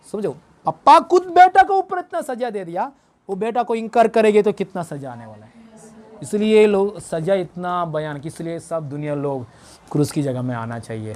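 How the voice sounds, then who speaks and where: A pastor preaching a Good Friday sermon, questioning the congregation and repeating phrases for emphasis. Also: male voice, high voice. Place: church service.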